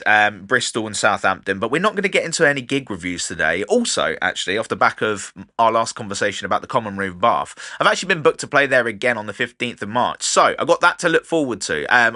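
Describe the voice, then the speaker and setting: A man of thirty hosting his own podcast in a casual, animated way, fast-talking and wired on coffee. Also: mid-range voice, no echo, clean studio sound. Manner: chatty, animated, swears casually. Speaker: podcast host and DJ. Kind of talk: casual solo podcast monologue.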